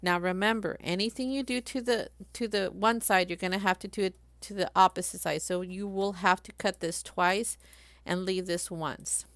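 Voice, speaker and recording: A woman live-streaming a craft software tutorial, chatty and thinking aloud as she works. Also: medium pitch, fairly even intonation, moderate pace, dry recording.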